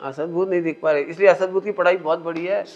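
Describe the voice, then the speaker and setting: A man's voice: sits high, fairly even intonation, quick pace. A man teaching a spiritual discourse in a conversational way, often asking his listeners questions. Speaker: religious teacher. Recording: muffled lo-fi recording.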